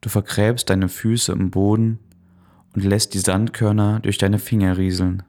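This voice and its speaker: A man softly and calmly narrating a guided meditation in a soothing manner, as the host of a relaxation podcast. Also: fairly low pitch, unhurried.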